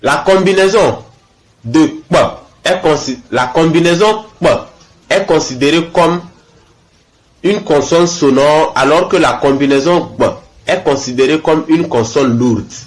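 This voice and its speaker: A man teaching a language lesson, spelling out letters and example words slowly and saying each twice, often checking in with "ok?". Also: on the high side.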